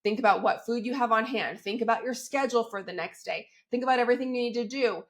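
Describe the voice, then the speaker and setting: A woman who coaches fitness hosts her podcast solo while fighting a cold, so her voice comes out crackly and slightly squeaky. She talks quickly in a bright, chatty coaching style, constantly checking in with listeners through "right?" and "okay?".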